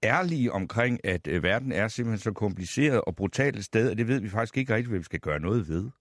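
In a radio studio, a male host of a talk show challenges his guest during a debate, questioning him in a lively way and restarting often. His voice is fairly low, and the sound is clean studio audio with no echo.

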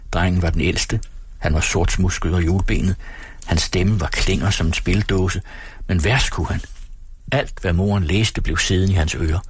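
Low husky man reading a novel aloud. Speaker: radio host reading aloud.

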